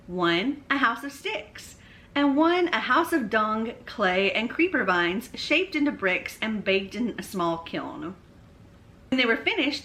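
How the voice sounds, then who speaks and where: A woman reads a bedtime story aloud expressively, her phrasing deliberate and emphatic. Her voice is on the high side, pushed and bright.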